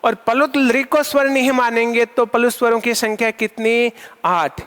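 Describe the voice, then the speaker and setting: A man's voice: very high voice, fairly even intonation, normal speed, fairly bright tone, clean tone. A male Sanskrit teacher giving a lecture, asking questions and answering them himself while repeating key terms. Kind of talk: classroom lecture. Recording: long hall reverb.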